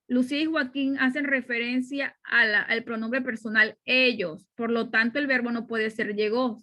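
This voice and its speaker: A woman's voice: on the high side, sharp tone. A middle-aged woman teaching a spoken grammar lesson over slides, explaining step by step and often checking in with her listeners. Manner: explanatory, frequent "¿ya?" check-ins and fillers.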